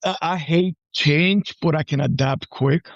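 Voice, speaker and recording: The voice here sits fairly high: a man in his forties from Puerto Rico, an army veteran, guesting on a podcast and chatting casually about his life. He is halting, often repeats words and checks with "right?", in a lo-fi recording with no echo.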